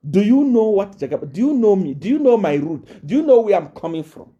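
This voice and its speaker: A man delivers a live-streamed rant, swinging his pitch widely up and down. His tone is dark and mellow as he boasts, threatens and repeats himself over and over. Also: big pitch swings, a little fast, muffled recording. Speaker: self-styled prophet addressing viewers. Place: South Africa.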